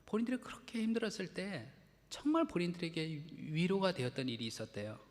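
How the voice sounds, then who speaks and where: A man's voice: sits high, animated, fast talker, in a large hall. A man preaching a Sunday sermon, conversational, acting out little quotes and asking the congregation questions. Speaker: pastor. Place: church sanctuary.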